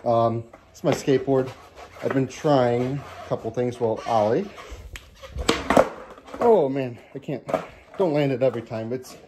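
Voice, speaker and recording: A man's voice: mid-range voice, unhurried, pauses often, background noise. A man in a casual home vlog, talking from his garage into a handheld camera, rambling with lots of ums and restarts and a bit out of breath. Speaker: vlogger.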